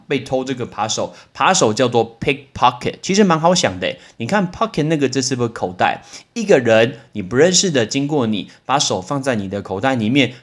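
A man hosts a casual English vocabulary podcast. He tells stories with lively energy and slows right down to repeat each new word for his listeners. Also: medium pitch. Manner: lively storytelling, repeats English words slowly for drilling.

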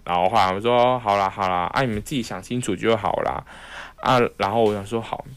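A man's voice: fairly low pitch, fairly quick, clean tone. A young man with a Taiwanese Mandarin accent, casually telling a personal story on a podcast and acting out the voices he quotes. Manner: animated, acts out quoted voices. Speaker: podcast host.

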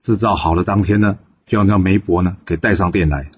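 A man with a very low voice tells an old tale aloud and shifts his voice for each character. The recording sounds dull and lo-fi, with a faint hiss underneath. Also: fairly even intonation, fairly quick. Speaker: storyteller. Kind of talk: storytelling narration with voiced dialogue.

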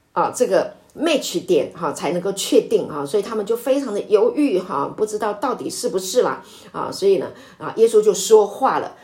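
A woman's voice: mid-range voice, a little mellow. Woman pastor teaching, full of fillers. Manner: frequent drawn-out fillers and hesitations; emphatic, rising to exclaim at key points. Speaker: pastor leading Bible study. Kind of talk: conversational Bible study teaching.

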